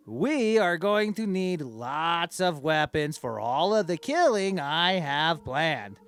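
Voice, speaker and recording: High, smooth-voiced vain tyrant king played by a man, oblivious and deadpan in comic fantasy audio diary. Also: no echo, exaggerated voice. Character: vain, childishly oblivious male dark-lord dictator king.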